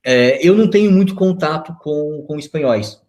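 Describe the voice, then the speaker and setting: A man's voice: fairly high pitch, expressive, moderate pace, a little mellow. A Brazilian man in his forties, a guest on a video-call interview, talking reflectively with many fillers and restarts. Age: 40s.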